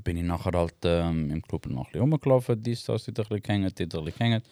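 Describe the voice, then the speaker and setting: A young Swiss German man, a podcast co-host, telling a lively story in casual chat and laughing often. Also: deep voice, fast talker, dry recording.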